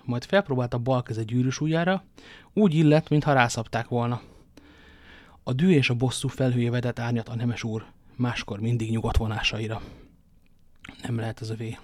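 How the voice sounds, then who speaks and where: A man's voice: mid-range voice, a little mellow, no room sound. Dry-voiced male audiobook narrator. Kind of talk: scripted narration of a classic novel.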